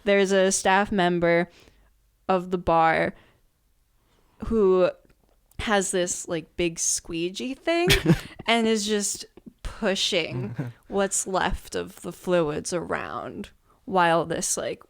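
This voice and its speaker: A woman's voice: on the low side, very slow, gravelly. A woman musician telling a story in a casual interview, laughing often and rambling with fillers. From United States. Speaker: musician guest.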